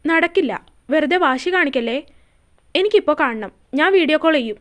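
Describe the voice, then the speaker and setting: A woman's voice: high voice, animated, normal speed. A woman voicing a reserved young woman in love who answers curtly and seriously in a story reading. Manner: curt and serious.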